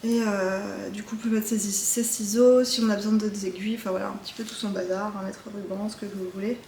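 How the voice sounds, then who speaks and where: Showing off her knitting projects, a woman chats in a loose, hesitant way full of filler sounds. Her mid-range voice is brisk, steady and somewhat dark, captured in an echoey room with a bit of hiss or hum.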